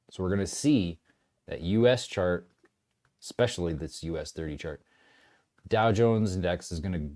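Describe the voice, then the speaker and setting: Lower-voiced man rambling about markets. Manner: rambling, animated, often restarts. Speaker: market commentator. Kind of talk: casual trading commentary.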